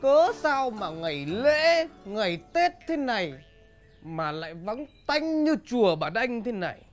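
An actor playing an aging lord of a manor with a sore back, musing aloud slowly and in puzzlement. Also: male voice, extremely high pitch, sing-song, soft background music, full character voice. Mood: puzzled.

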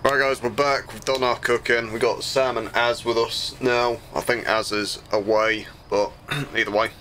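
A man's voice: mid-range voice, little pitch movement, normal speed, bright, forceful tone, a little hiss or hum. A young man chatting casually and rambling through a driving game while hosting friends. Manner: rambling, easygoing, swears casually. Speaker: gaming channel host. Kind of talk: casual gameplay chat with friends. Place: home room at a desk.

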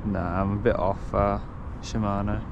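A man's voice: fairly low pitch, flat delivery, normal speed. A middle-aged man chatting with his son while fishing from a boat, matter-of-fact and teasing. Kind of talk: casual chat while fishing. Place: outdoors on a lagoon, on a boat. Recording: dull lo-fi sound with outdoor noise.

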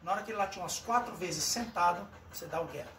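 High-voiced dog trainer, echoey and distant. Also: male voice, quick pace, very noisy. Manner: informal, talks straight to the viewers. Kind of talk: explaining to camera, then coaching.

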